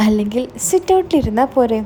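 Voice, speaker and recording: A woman's voice: on the high side, animated, fast, mellow, slight background noise, natural voice. A woman voicing a stern young older brother who questions his sister suspiciously. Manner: stern, interrogating.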